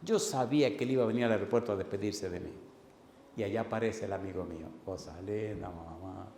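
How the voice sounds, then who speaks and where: A man's voice: fairly low pitch, a little fast, warm tone, a little hiss or hum. A male pastor preaching a sermon, repeating phrases and firing questions at the congregation. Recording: roomy hall with faint ambience.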